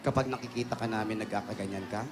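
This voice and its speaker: A man's voice: on the low side, steady tone, fast, natural voice. A man playing a stern but loving elderly grandmother in a comedic TV skit, giving moral advice firmly. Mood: earnest. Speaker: comedian in a live TV segment. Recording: music playing behind.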